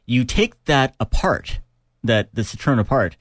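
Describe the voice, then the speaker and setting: A man co-hosting a radio talk show, telling a story with pauses and fillers. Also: mid-range voice, big pitch swings, dry recording. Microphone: studio microphone.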